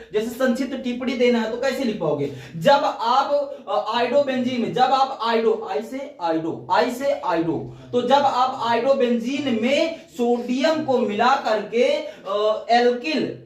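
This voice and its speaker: A man explains chemistry reactions step by step, going back over key points and urging the listener to note them down. His voice sits very high for a man. The sound is roomy and echoey, picked up from some distance away. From northern India. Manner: repetitive, coaxing, stresses what is important. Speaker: chemistry teacher. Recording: echoey room, mic at a distance.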